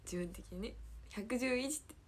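Reading out viewer comments, this Kansai-accented teen livestreamer keeps giggling and echoing her own words. She's an idol trainee from Hyogo, Japan, with a slightly high, breathy-edged voice at a normal speed.

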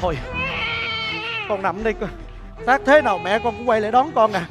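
A man's voice: high voice, brisk, lightly acted. An actor playing a poor street-singer father, speaking with a coaxing, tender manner. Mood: frantic. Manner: coaxing, tender, then loud and frantic. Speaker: actor in a staged skit. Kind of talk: sentimental stage drama. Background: music.

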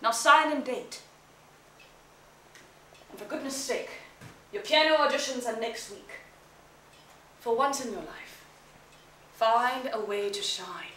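Woman doing a demanding middle-aged mother, scolding, clipped commands, high bright voice, echoey hall. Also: slow pace, long pauses, distant mic, a little hiss or hum. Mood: stern. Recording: roomy stage sound from afar.

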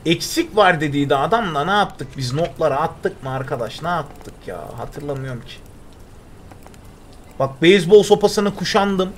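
A man's voice: a little high, lively intonation, moderate pace, slight background noise. A young man giving live commentary over a survival game, chatting with himself and thanking viewers in chat. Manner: chatty, talks to himself and reads chat aloud. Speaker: gaming streamer.

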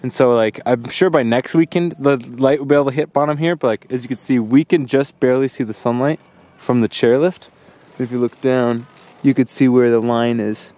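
A man's voice: mid-range voice, a little fast. A young man chatting and laughing on a ski slope and chairlift, filmed with a handheld action camera. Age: young adult. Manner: laughs often, excited and chatty. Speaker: vlogger. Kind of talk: casual vlog chat. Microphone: action camera held at arm's length.

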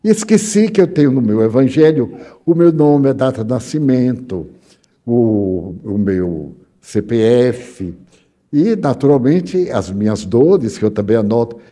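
Older Brazilian man lecturing, mellow voice. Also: medium pitch, measured pace. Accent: Brazilian Portuguese. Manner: animated, acts out dialogue with lively voice shifts. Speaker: spiritist lecturer. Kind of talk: storytelling lecture.

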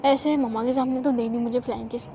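A woman storyteller voicing an affectionate young woman who talks softly and coaxingly, recorded lo-fi. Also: a little high, steady tone, fast, noisy background, lightly acted. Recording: dull lo-fi with faint ambience.

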